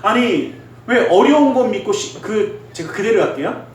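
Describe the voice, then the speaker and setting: A male pastor preaching a sermon in earnest, exhorting tones, swinging between loud emphasis and quiet asides. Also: high voice, expressive, normal speed, a little hiss or hum. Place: church sanctuary. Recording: very echoey hall, distant mic.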